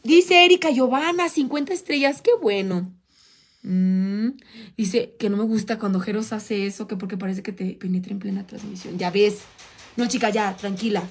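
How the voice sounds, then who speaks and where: A woman's voice: medium pitch, moderate pace, darkish tone, breathy edge. A young Mexican woman hosting a casual live stream, joking crudely, laughing often and reading out viewer donations. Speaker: livestream host.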